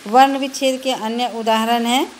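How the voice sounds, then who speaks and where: A woman's voice: on the high side, steady tone, moderate pace, slight background noise. A woman teacher with a Bihari Hindi accent, patiently spelling out letters one by one in a recorded lesson for children.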